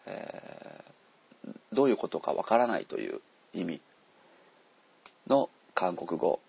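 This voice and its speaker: A man teaching pronunciation to learners, unhurried, with many drawn-out fillers. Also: low voice, sing-song, gravelly, darkish tone, slightly rough. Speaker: Korean language teacher.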